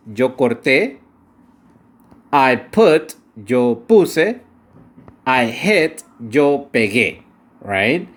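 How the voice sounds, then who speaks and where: A man teaching an English grammar lesson, speaking deliberately and repeating each word for practice. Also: medium pitch.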